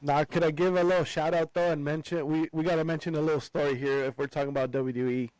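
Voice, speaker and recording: A man co-hosting a casual sports podcast, slangy and excitable, cursing casually. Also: a little high, fast, dry recording, poor audio. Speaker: podcast co-host.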